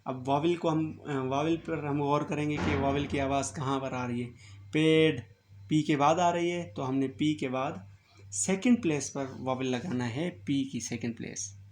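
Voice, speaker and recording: A patient man teaching shorthand, walking through each word slowly and asking if it is clear. His voice sits a little high for a man. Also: slight background noise. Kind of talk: step-by-step classroom instruction.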